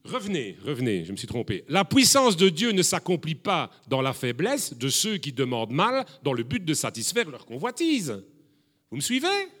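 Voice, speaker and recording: A male preacher delivering a sermon with a lively, swooping voice that leaps up and drops low. He often repeats himself and checks in with his listeners with quick questions. His voice sits a little high for a man. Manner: animated, repeats words, asks the congregation questions.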